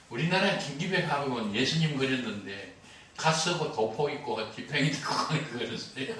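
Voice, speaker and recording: A man's voice: mid-range voice, pushed and bright, a little hiss or hum. An older man preaching a sermon as a pastor, telling stories with humor and acting out the dialogue. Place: church sanctuary. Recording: roomy echo, heard from a distance.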